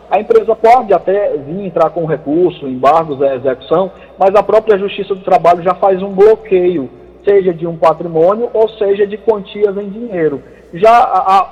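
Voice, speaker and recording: Brazilian man on a phone line, measured legal explainer, fairly high voice, tinny and echoing. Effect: over the phone. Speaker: labor lawyer guest. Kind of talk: expert answering on a radio call-in show. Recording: thin phone line with long reverb.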